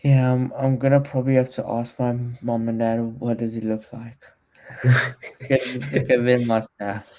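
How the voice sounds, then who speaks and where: A man's voice: mid-range voice, level tone, normal speed, darkish tone. A man hosting a casual coding livestream, hesitant with many restarts, reading viewer chat aloud. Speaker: stream host mentoring a developer.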